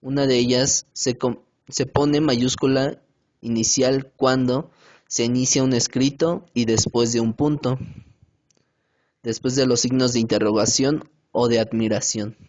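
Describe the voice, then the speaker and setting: A man reads a grammar lesson aloud, slowly and with care, stumbling now and then. His pitch sits at an ordinary middle level. The recording is dull and lo-fi, made at home. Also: fairly even intonation, a little mellow. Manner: slow, careful reading with hesitations.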